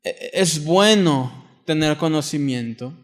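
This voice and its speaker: A young adult man with a Mexican accent preaching a sermon in a church, earnest, moving from loud emphatic reading to soft quiet asides. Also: fairly high pitch, takes it slowly. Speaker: pastor.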